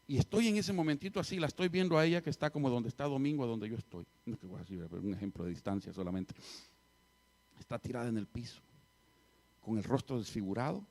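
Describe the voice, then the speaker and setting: A middle-aged man preaching a sermon as pastor, telling a story and swinging from loud passages to hushed ones. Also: medium pitch, brisk.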